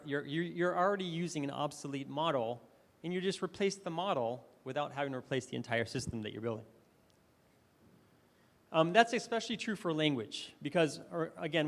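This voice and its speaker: A man giving a conversational, enthusiastic conference presentation, checking in with the audience with questions as he goes. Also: on the high side. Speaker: conference speaker. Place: conference hall. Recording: long hall reverb.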